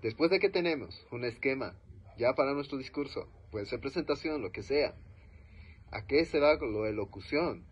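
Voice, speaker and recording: A husky young man gives a class presentation on public speaking, his voice swinging widely as he demonstrates. The recording is dull and lo-fi. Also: medium pitch, normal speed. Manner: lively, demonstrates tones of voice. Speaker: student presenter.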